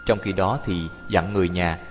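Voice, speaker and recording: A man's voice: sits low, steady tone, a little fast. Man giving a dharma talk. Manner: storytelling, acting out the people he quotes. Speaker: Buddhist lay teacher. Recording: long hall reverb with faint music.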